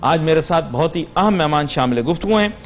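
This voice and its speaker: A man's voice: on the high side, animated, fairly quick, faint music behind. A man from Pakistan hosting a TV business talk show, who needles his guest with sarcastic, provocative challenges.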